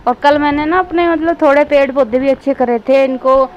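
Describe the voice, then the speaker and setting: A woman's voice: sits high, normal speed, a little mellow, dull audio, a little hiss or hum. A young woman chatting casually in a home vlog, coaxing and teasing her small child as a mother. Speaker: mother and family vlogger.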